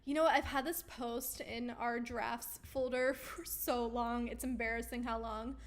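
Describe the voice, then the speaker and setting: With a steady tone and an unhurried pace, a woman whose voice is on the high side hosts a weekly live Q&A stream. She's losing her voice as she casually chats and reads viewer comments aloud, keeping things upbeat with lots of ums and easy laughs.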